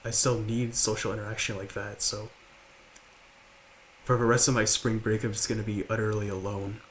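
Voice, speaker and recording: A young man in his late teens with a slight lisp, talking quietly and haltingly to the camera at home. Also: on the low side, flat delivery, slight background noise. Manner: halting, with many fillers and restarts. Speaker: vlogger. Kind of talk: confessional talk to camera. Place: large house, indoors.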